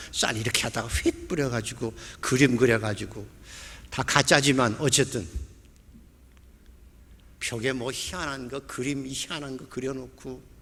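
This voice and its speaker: A man's voice: mid-range voice, fairly bright tone. A male pastor preaching a sermon, telling a story vividly and acting out the quoted lines. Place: church sanctuary. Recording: long church hall reverb.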